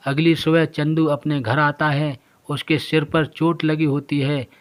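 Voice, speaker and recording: A man narrating a moral storybook tale in a plain, steady way. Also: a little high, a little slow.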